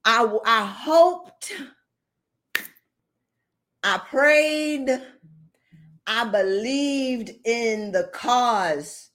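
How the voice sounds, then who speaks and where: A woman's voice: fairly high pitch, animated, extremely slow, long pauses, fairly bright tone. Blunt, emphatic woman giving a motivational talk. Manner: blunt, emphatic, repeats phrases for effect. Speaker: motivational speaker and podcaster. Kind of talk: motivational talk, informal and direct.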